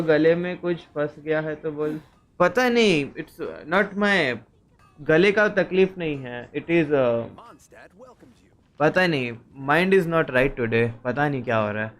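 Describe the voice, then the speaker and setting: A man's voice: a little high, slow. A young man with an Indian accent streaming a game, chatting casually in a mix of Hindi and English and restarting his sentences a lot. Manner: mixes Hindi and English, rambling, restarts often. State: struggling to speak smoothly. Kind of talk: casual live-stream chat. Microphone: headset taken off.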